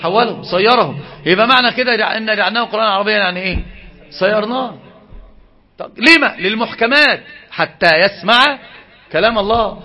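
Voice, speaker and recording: Fast, high-voiced man teaching. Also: muffled recording. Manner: animated, asks the audience questions and answers them. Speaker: religious teacher. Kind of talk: Islamic lesson.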